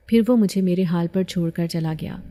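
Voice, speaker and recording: A woman narrating a first-person story with a steady, even reading. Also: fairly low pitch.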